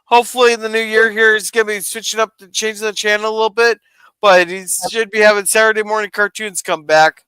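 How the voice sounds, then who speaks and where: A man's voice: high voice, steady tone, fast talker, bright, forceful tone, smooth, no echo, poor audio. A man hosting a casual live stream, chatting loosely and reading out viewer comments. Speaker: podcast host.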